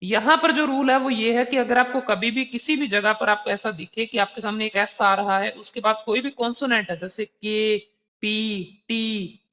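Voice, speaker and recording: In a recorded online lesson, a man with a high, bright, forceful voice teaches exam preparation, explaining patiently and conversationally through worked examples. The recording sounds dull and slightly lo-fi.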